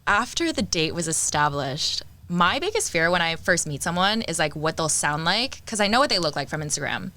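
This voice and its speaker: A young woman chats on a podcast as the guest. Her voice is bright and fairly low for a woman. She tells her story in an animated way and laughs often. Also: normal speed, few pauses. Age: young adult. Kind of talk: casual chat.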